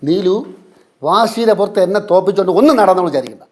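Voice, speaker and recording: A man's voice: sits high, animated, fast talker, darkish tone. An actor playing a stubborn, blustering middle-aged father in a TV sitcom. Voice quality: teasing, blustering. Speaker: father of the family. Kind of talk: TV sitcom acting. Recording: TV sitcom with faint music.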